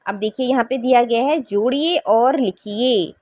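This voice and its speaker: A woman's voice: on the high side, unhurried, darkish tone, dry recording, clean studio sound. A woman teaching a grammar lesson to children, sounding out words syllable by syllable and often checking whether they understand. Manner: coaxing, checks understanding with repeated questions.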